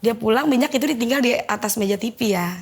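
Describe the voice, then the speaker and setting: A woman's voice: a little high, fast talker, a little hiss or hum. A woman giving an emotional personal testimony in an interview, vividly retelling events and acting out the dialogue. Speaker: testimony guest.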